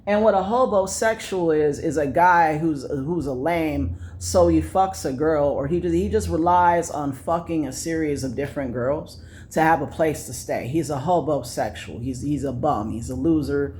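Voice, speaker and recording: A man's voice: a little high, moderate pace, few pauses, a little mellow, slight background noise. A man telling a personal story in a casual monologue, blunt and profane, repeating phrases for emphasis. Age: adult. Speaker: vlogger.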